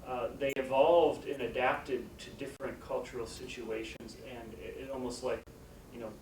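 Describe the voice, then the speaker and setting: A man's voice comes from off the mic in a roomy space, with clear noise behind it. He explains his research as a doctoral candidate, informally and tentatively, often rewording his thoughts as he goes. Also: mid-range voice, steady tone, moderate pace. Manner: hesitant, tentative, circles through rephrasings. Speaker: doctoral candidate defending a dissertation. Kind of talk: informal academic presentation and discussion. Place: echoey room, recorded from a distance. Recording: roomy, distant mic with loud background noise.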